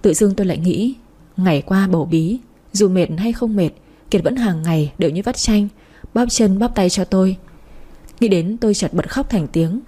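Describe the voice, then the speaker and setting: A woman's voice: medium pitch, normal speed, dark tone, husky. A woman reading a first-person story in a confiding, emotional manner. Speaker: story narrator.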